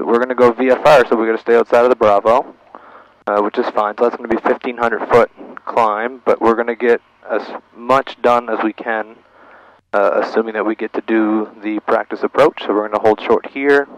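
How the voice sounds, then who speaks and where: Flying a small airplane, this man talks through his flight in brief procedural phrases and makes radio calls through his aviation headset, cockpit-vlog style. He speaks at medium pitch and a normal speed with a level tone. The muffled recording has no room sound, just faint engine and radio noise.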